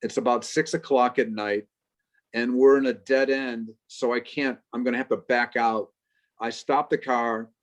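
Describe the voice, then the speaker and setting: A man in his fifties, from Chicago, speaks at an everyday middle pitch as an interview guest. He is a professor who tells stories briskly, dropping jokes and asides as he goes. The sound is a plain video-call recording. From Chicago, United States. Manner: lively storyteller, quick asides and jokes.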